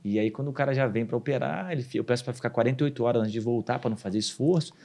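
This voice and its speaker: A urologist from southern Brazil, appearing as a guest on a casual podcast interview, tells surgical stories in a mid-range voice with vocal fry. He talks at a racing pace and, as an animated storyteller, acts out the quoted dialogue.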